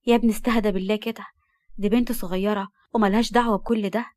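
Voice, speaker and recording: أم مسنة قلقة تتوسل تؤديها امرأة. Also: female voice, medium pitch, fairly even intonation, racing, darkish tone, no room sound, close to an everyday voice. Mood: pleading. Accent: Egyptian Arabic. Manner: pleading, weary. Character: worried older mother, pious and pleading.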